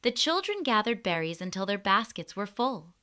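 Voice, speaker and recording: A woman narrates a scripted children's fairy tale, expressive and deliberate in her storytelling. Her voice is mid-range and smooth.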